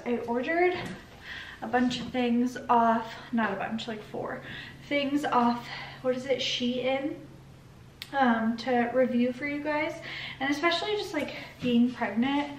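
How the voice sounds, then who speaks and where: A heavily pregnant young woman chatting casually to the camera, soft and reflective, sometimes dropping to a whisper. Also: high voice, poor audio. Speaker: lifestyle vlogger. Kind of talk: casual vlog talk to camera. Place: parked car, then outdoors by a river. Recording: clear background noise.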